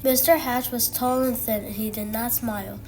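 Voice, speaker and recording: A woman's voice: on the high side, fairly even intonation, moderate pace, low-quality recording. A woman reading a children's storybook aloud, now and then stumbling over and repeating words. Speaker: student reader. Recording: music playing behind the voice. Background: music.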